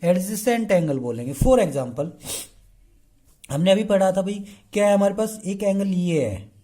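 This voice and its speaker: Warm and mellow, his voice sits high with lively intonation as he explains a math lesson, moving freely between Hindi and English terms. He answers his own questions to the class and keeps saying "okay" to check in. At the board, his speech slows and drags out.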